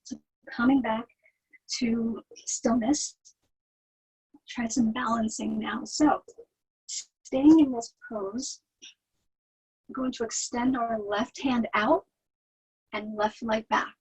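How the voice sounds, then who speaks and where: A woman teaching yoga, guiding the poses in a soothing, gentle manner with a slightly husky, breathy voice. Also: a little high, steady tone, slow, pauses often, rough recording. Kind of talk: guided yoga instruction.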